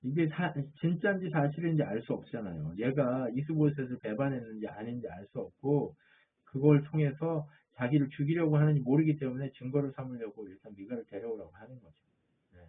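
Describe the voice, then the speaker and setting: A man's voice: medium pitch, animated, fairly quick, breathy edge. A man preaching a sermon as a pastor, asking his listeners questions and answering them himself. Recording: tinny phone-like audio.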